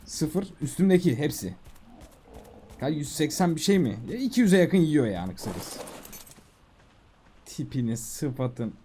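A man giving casual, excitable commentary while playing a video game, talking to himself and the creatures on screen. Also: on the high side, measured pace, long pauses, a little hiss or hum. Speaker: gaming YouTuber.

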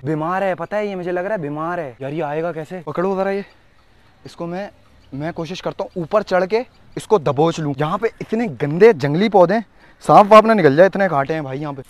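Excited man vlogging outdoors. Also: sits high. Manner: excited, talks to camera, whispers when creeping closer. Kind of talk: casual vlog narration while searching. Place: outdoors in thorny scrubland.

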